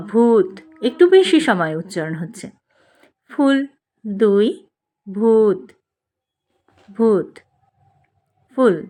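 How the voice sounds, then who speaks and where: A woman teaching spelling, patiently sounding out and repeating each syllable. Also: mid-range voice. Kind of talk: slow instructional lesson.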